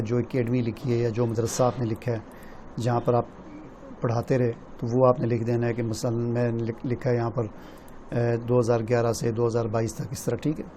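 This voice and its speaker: Male tutorial narrator, dark mellow voice, patient step-by-step delivery, faint noise behind. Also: medium pitch. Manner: explains step by step, often adds "theek hai?". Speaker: tutorial presenter. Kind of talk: screen-recorded walkthrough.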